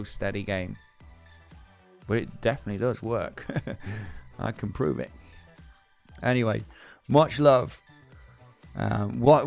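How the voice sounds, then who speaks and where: Guy hosting a trading stream, rambles and restarts a lot, smooth resonant voice. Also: fairly low pitch, darkish tone. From Spain. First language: Spanish. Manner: rambling, frequent restarts, reads viewer comments aloud. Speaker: trading livestream host. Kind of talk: casual livestream chat.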